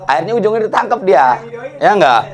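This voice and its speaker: A man's voice: high-pitched, big pitch swings, fairly quick. A man preaching a casual study sermon, joking in slang and often asking the listeners to agree. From Indonesia. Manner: jokey, colloquial, asks audience for agreement. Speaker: Islamic preacher.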